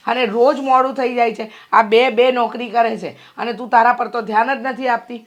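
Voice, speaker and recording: A woman's voice: fairly high pitch, fairly even intonation, moderate pace, lightly acted. A middle-aged woman playing a worried mother who scolds and fusses over her daughter in a short film drama. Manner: fretful, nagging, complaining.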